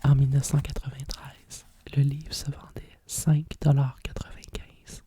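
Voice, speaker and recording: A middle-aged woman with a Quebec French accent whispers softly and breathily in a nostalgic, rambling ASMR style, like a hushed library whisper. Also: extremely low pitch, level tone, a little slow, breathy edge, dry recording. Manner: hushed, nostalgic rambling with frequent conversational tags. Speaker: ASMR host. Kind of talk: whispered ASMR chat about vintage books.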